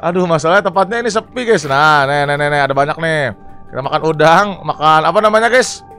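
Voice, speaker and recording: A young man, streaming live gameplay commentary, excitable and always talking to his viewers. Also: fairly high pitch, quick pace, soft background music. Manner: excitable, talks to viewers constantly, swings between fright and irritation. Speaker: game streamer.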